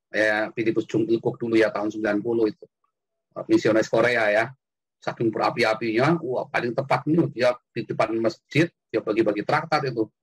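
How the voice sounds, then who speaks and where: Animated husky man preaching online. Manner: animated, jumps high when quoting or shouting. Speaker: preacher hosting an online call-in. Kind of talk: casual preaching. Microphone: computer mic on an online call.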